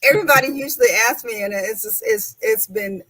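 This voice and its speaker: A woman hosting a casual livestream interview, chatting with lots of restarts and quick laughs, heard over a video call. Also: high-pitched, very animated, gravelly, a bit bright, poor audio. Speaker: host.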